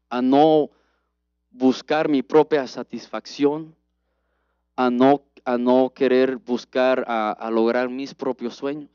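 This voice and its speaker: A man preaching a personal testimony sermon in an earnest, halting way with many restarts. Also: medium pitch, mellow, clean tone, no echo. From United States. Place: church. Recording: dull, dry livestream audio.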